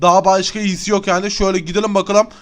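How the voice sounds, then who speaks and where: Young male let's-play host, high and fast, excitable yeller. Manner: excitable, chatty, often yells and laughs. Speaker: gaming YouTuber. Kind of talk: Minecraft let's-play commentary.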